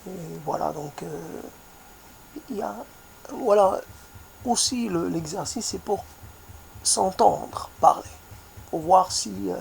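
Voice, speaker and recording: Soft-spoken hesitant man with an accent. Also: high-pitched, slow, gravelly, long pauses, slight background noise. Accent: foreign accent in French. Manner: hesitant, searching for words, many fillers. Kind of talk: reflective spoken monologue.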